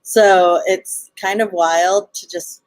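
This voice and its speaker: A woman's voice: medium pitch, fairly even intonation, slow pace, dry recording. A woman from Los Angeles with a Californian Valley Girl accent, chatting casually as an interview guest in a bubbly, slangy sorority-girl manner. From Los Angeles, United States. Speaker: podcast guest, show co-founder and event organizer. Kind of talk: casual live interview chat.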